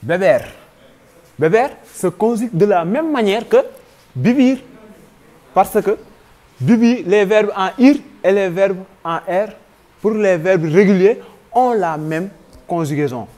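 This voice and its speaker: A man's voice: high voice, expressive, takes it slowly, pauses often, a little mellow. A man with a Senegalese French accent teaching a grammar lesson, patiently spelling out verb forms one by one.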